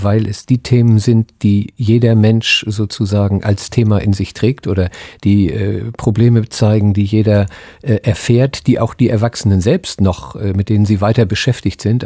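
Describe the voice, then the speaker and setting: A middle-aged man giving expert explanations in a radio interview, thoughtful and halting, pausing mid-phrase. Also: lowish voice, warm tone, slightly rough, dry recording, studio quality. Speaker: psychoanalyst and academy president, interview guest.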